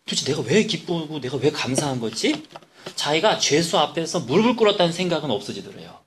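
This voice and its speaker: A man preaching in a church, a pastor telling a story in an animated way with quoted dialogue. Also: on the high side, brisk, a little hiss or hum. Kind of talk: sermon storytelling.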